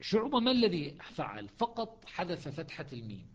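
Brief: man, Quran recitation teacher, slightly high voice, dull lo-fi classroom recording. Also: wildly swooping pitch, breathy edge. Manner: explains step by step, breaks into slow chanted recitation. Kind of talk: classroom lesson on Quranic readings.

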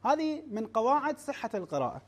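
A teacher with a mid-range voice and big swings in pitch gives a classroom lecture. He or she often breaks off to question the class, says "ha?" to check in, and haltingly restarts words while slowly spelling out lists of terms.

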